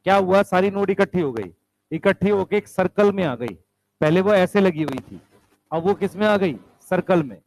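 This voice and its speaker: A man's voice: high voice, no echo, low-quality recording. A male teacher giving a classroom lecture, explaining step by step, asking the students questions and calling them beta and bhai.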